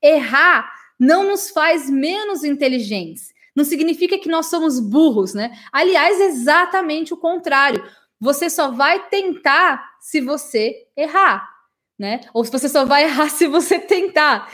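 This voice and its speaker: A woman's voice: sits high, animated, a little slow. A Brazilian woman teaching English in a live lesson, chatting with viewers and tagging her sentences with friendly questions. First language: Portuguese. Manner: chatty and warm with her audience, many "né?" tags.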